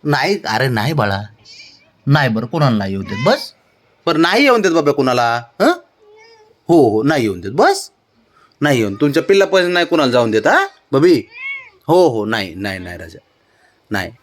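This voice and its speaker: A man murmuring baby talk to an anxious pet, his voice rising and falling freely from low hums to bright coaxing calls. He keeps it gentle and patient, repeating the same calm reassurances again and again. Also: normal speed, long pauses, slight background noise. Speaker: pet owner vlogger.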